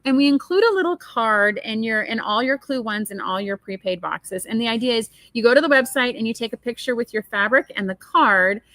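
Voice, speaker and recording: A woman's voice: fairly high pitch, animated, fairly quick, few pauses, fairly bright tone, dry recording. Chatty woman hosting a live show. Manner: chatty, answers viewer questions. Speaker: co-host of a quilt shop live show. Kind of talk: casual live-stream chat.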